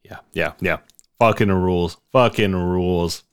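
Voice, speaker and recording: A young man co-hosting a podcast, pitching story ideas in a laid-back, enthusiastic way with casual swearing. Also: measured pace, smooth. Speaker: podcast co-host.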